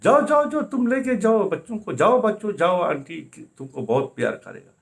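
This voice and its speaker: A man voicing an excitable father who protests loudly, his voice pushed high. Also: moderate pace, vocal fry, heavily acted. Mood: cheerful. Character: upset father, man, demanding his children back.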